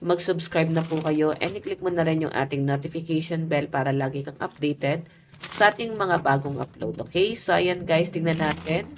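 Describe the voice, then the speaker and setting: A woman's voice: sits low, normal speed, slight background noise. A woman giving a casual love tarot reading, chatty and talking straight to her viewers, her voice stuffy and nasal from a cold. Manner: chatty, addresses viewers as guys. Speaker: tarot reader.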